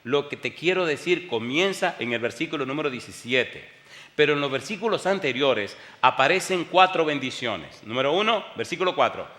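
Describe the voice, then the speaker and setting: A pastor preaching to his congregation, his fairly high, forceful voice ringing through a long church reverb. He keeps throwing rhetorical questions at the room and answering them himself. He moves from booming emphasis to quiet, intimate storytelling. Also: expressive, normal speed. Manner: rhetorical call-and-response questions; swings between booming emphasis and hushed storytelling. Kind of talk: preaching a sermon. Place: church sanctuary during a televised service.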